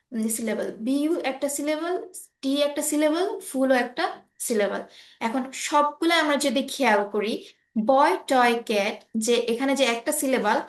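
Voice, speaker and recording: A woman teacher with a high voice walks through an online lesson patiently. She stops often to check that her student is following. The sound has a roomy echo. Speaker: English teacher. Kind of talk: online class explaining English grammar.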